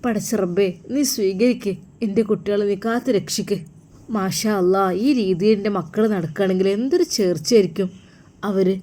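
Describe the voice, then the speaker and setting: A woman's voice: mid-range voice, moderate pace, mellow, lightly acted. A woman voicing a pious, tearful middle-aged mother who speaks in prayers and blessings. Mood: prayerful. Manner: prayerful, emotional.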